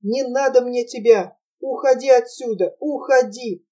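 A woman's voice: on the high side, measured pace, darkish tone, distant mic, lightly acted. A woman doing a hot-headed troubled young man. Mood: defiant. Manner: agitated, defiant. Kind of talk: audiobook character voice.

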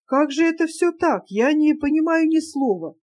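A woman voicing an excitable, affectionate young woman in love, eager and emotional, in an audiobook reading. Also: high voice, moderate pace, voice pushed up. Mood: impatient.

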